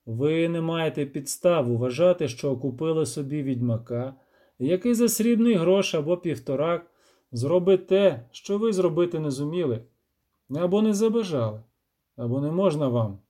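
A man voicing a cold, measured monster hunter who speaks firmly. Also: fairly high pitch, animated, mellow, natural voice.

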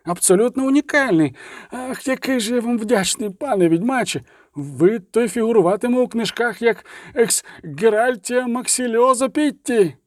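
A man voicing an excitable, fussy male scholar who exclaims in shrill, drawn-out bursts. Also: no room sound, studio quality. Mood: ecstatic.

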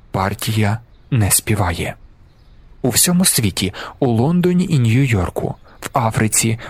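Male audiobook narrator, mid-pitched, measured and deliberate. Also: no room sound. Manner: measured, slowing for emphasis. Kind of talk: scripted narration.

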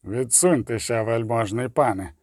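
Brief: sinister hangman, low hollow growl, voiced by a male reader. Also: expressive, moderate pace, warm tone, no echo, clean studio sound. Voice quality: hollow, ominous voice. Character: menacing male executioner, grim, sinister.

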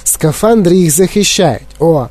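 A man putting on an excitable eccentric chocolate maker. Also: fairly high pitch, a little slow. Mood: commanding. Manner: exclaiming, bossy and eager.

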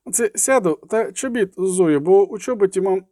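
A nimble, chatty poet yelling taunts while fleeing, as a male audiobook reader puts him on. The voice jumps up high and sounds close and dry. The delivery is quick-tongued and cheeky. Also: animated, no room sound. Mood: sly.

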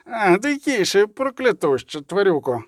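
A man's voice: high-pitched, sing-song, normal speed, dry recording, studio quality, pitched above the performer's own voice. A man voicing a sardonic, scheming male lawyer with a sneering, sarcastic manner, in an audiobook. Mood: impatient.

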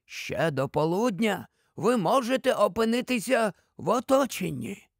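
Man voicing an old scholar, calm, measured, explanatory, high-pitched, gravelly. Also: no echo, clean studio sound, full character voice. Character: learned old male scholar, calm and careful.

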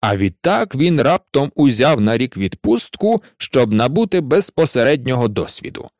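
A man's voice: mid-range voice, sing-song, normal speed, a little mellow, dry recording, studio quality. A man doing a hearty giant. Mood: friendly. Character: big warm male giant, folksy dialect.

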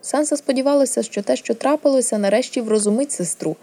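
Woman narrating, storybook read, husky, mellow, steady and even. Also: fairly high pitch, quick pace. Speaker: audiobook reader. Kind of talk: scripted narration.

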